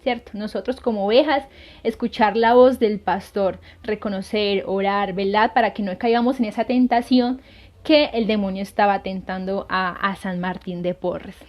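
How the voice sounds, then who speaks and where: A woman missionary speaks at a moderate pace, her medium-pitched voice keeping a fairly even intonation. Sounding dull and lo-fi, the clip has her earnestly telling viewers about a saint's life, often pausing with fillers as she goes.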